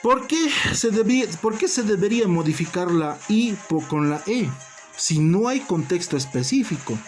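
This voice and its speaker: A language teacher giving a recorded lesson, speaking deliberately, repeating key terms and calling the listeners brothers and colleagues. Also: medium pitch, big pitch swings, soft background music.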